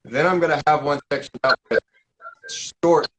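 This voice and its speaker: A man's voice: on the high side, low-quality recording. Rambling man hosting a live stream. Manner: rambling, halting, with many fillers and restarts. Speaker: paranormal investigator hosting a live Q&A. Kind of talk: casual live-stream chat.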